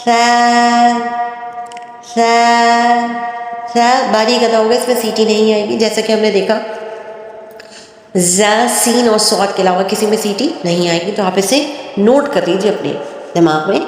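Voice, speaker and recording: A woman teaching Quran reading, explaining patiently and repeating each letter in a drawn-out chant. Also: on the high side, fairly even intonation. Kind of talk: step-by-step recitation lesson. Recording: very echoey room with long reverb.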